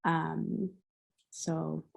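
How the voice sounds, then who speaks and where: A woman's voice: sits low, level tone, extremely slow, gravelly. A woman researcher from the Somali diaspora, raised in the Netherlands, giving an online talk partly read from notes, speaking hesitantly with many fillers. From Somali diaspora, born in Egypt, raised in the Netherlands. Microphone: video call.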